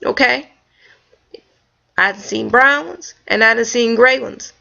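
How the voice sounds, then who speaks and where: A woman vlogger telling a story in a casual, animated, folksy way. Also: a little high, a little slow, creaky. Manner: animated, folksy storytelling with Southern-leaning speech. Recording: dull lo-fi home video.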